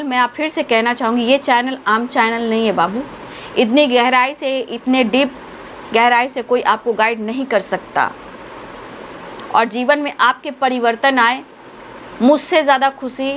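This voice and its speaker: A woman's voice: a little high, fairly bright tone, a little hiss or hum. A woman tarot reader, giving spiritual guidance to her viewers in an earnest, affectionate, preachy way.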